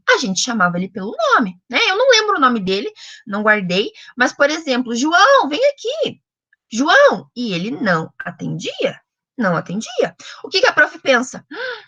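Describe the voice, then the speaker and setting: A Brazilian woman giving a lecture on how children acquire language, explaining milestones in an animated way and acting out parents' questions. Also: a little high, no room sound. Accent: Brazilian Portuguese.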